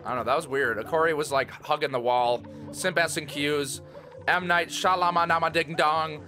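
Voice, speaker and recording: Young male esports caller, hype and jokey, bright tone. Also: fairly high pitch, fairly even intonation, normal speed, faint music behind. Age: young adult. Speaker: commentator. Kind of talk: casual esports commentary.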